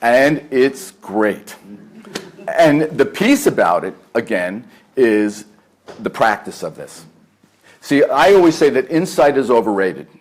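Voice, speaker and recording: A man with a New York accent, a family therapist giving a live workshop talk at a meditation center, measured and earnest, repeating key phrases for emphasis. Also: mid-range voice, very animated.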